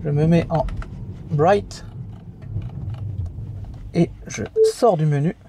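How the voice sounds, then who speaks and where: A man's voice: a little high, steady tone, moderate pace, warm tone, slight background noise. A man hosting a casual product review vlog from inside his car, chatty and full of fillers. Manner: chatty, many fillers and "hein". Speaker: car video host.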